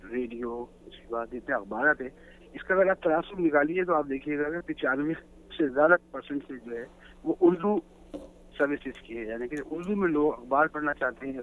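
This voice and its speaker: A man's voice: mid-range voice, slight background noise. A man calling in to a talk show, explaining his views earnestly in a lecturing way. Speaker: guest caller. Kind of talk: phone-in talk show discussion. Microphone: telephone. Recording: tinny phone line.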